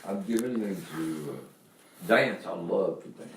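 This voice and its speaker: A man's voice: low-pitched, measured pace, gravelly, reverberant, distant mic, noisy background. An older man with an Appalachian accent, telling rambling stories from his life and chuckling often. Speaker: interviewee, father. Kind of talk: casual storytelling.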